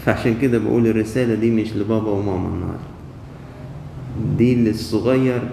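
A low, mellow-voiced man with an Egyptian accent preaches in a relaxed, storytelling way, often asking a question and then answering it. His voice rings through a large church with a long, echoey tail. Faint room ambience sits underneath. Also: fast talker, vocal fry, a little hiss or hum. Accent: Egyptian Arabic. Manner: storytelling, asks rhetorical questions and answers them. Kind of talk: conversational sermon. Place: large church during a service.

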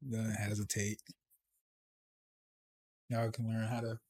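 A man co-hosting a podcast in casual chat, relaxed and rambling, laughing often. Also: fairly low pitch, slow. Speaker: podcast co-host.

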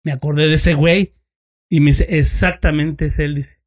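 A man's voice: on the high side, fairly even intonation, moderate pace. A man with a Mexican accent, a former police investigator, telling a story to friends in casual chat, swearing freely and acting out both sides of the dialogue.

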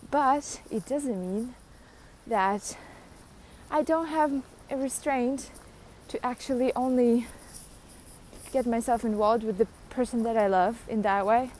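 A woman's voice: fairly high pitch, slow, a little mellow, a little hiss or hum. Laughing young woman ranting on a podcast. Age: young adult. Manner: rambling, self-mocking, laughs often. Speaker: podcast host. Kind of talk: casual solo rant.

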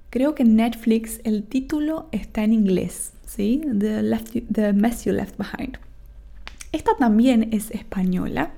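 With a warm, medium-pitched voice and an Argentine accent, this woman teaches Spanish on her podcast. She takes things slow and careful, frequently pausing to ask her listeners "¿sí?".

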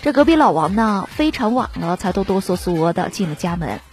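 Give me a woman telling jokes with a lively, animated voice. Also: mid-range voice, fairly quick, soft background music. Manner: playful, animated narration. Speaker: joke teller. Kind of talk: storytelling jokes.

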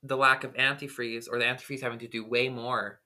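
A man's voice: mid-range voice, flat delivery, brisk, sharp tone. A man co-hosting a podcast, telling a long story in casual chat, full of "like" fillers. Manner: rambling, lots of "like" fillers. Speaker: podcast co-host.

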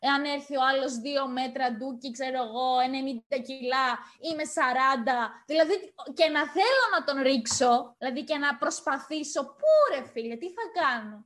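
Woman, young adult, high pitch, blunt heated manner, casual chat. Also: a bit bright. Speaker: podcast co-host.

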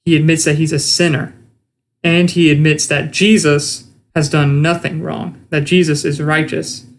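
A man's voice: fairly high pitch, little pitch movement, normal speed. A young man giving an informal Bible teaching, earnest and conversational, with frequent restarts. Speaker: preacher.

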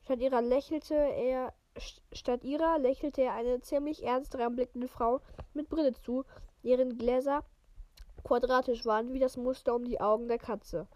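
A woman's voice: high voice, fairly even intonation, normal speed, mellow, no echo, lo-fi sound. A woman casually reading a book aloud for her viewers, often stumbling, correcting herself and chatting in between. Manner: stumbles and self-corrects, chatty asides to listeners. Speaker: reader of an audiobook for viewers.

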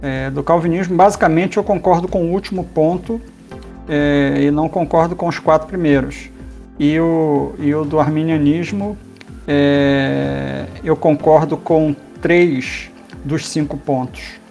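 A man, a pastor, calmly explaining theology in a podcast conversation, pausing often with fillers. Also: fairly high pitch, vocal fry, soft background music. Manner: explanatory, measured, with many fillers.

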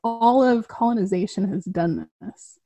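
A woman's voice: medium pitch, measured pace, warm tone. A woman guest in a casual conversation, speaking heartfelt and earnest, with lots of "like". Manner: heartfelt, earnest, says "like" often.

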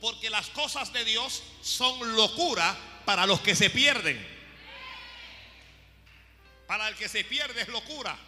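A high, piercingly bright man's voice preaches a fervent sermon, dropping to low murmurs and then rising to shouted praise. His words ring with long reverb through a church hall. Faint music plays underneath. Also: animated, takes it slowly, long pauses. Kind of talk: impassioned sermon.

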